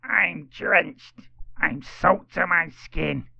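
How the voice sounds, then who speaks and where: A man's voice: drawn-out words, gravelly, pushed and bright, no room sound, muffled recording, full character voice. A man voicing a nasty, bossy female scruff creature in a children's audiobook, with a screechy, hissing, snarling voice. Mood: furious. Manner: shrill and snarling.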